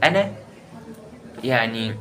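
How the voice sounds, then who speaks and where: A man's voice: medium pitch, expressive, slow pace, fairly bright tone, slight background noise. A young man with an Egyptian Arabic accent, talking straight to his viewers in an emotional, repetitive vlog rant. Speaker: YouTuber. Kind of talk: ranting vlog monologue.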